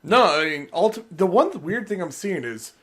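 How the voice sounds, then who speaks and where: This man co-hosts a casual podcast. His voice sits on the higher side and swings widely in pitch. He is blunt and profane in his offhand chat. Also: animated, moderate pace, a bit bright. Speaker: podcast co-host.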